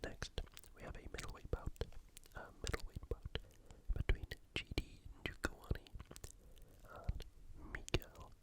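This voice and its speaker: In soft, breathy whispers with no voicing, a British presenter previews fights ASMR-style, musing aloud and pausing here and there.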